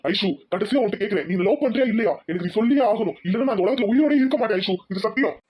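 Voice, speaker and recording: A woman's voice: mid-range voice, animated, rapid-fire, highs cut off, natural voice. A woman voicing a lovesick young male student in a Tamil cartoon, begging earnestly.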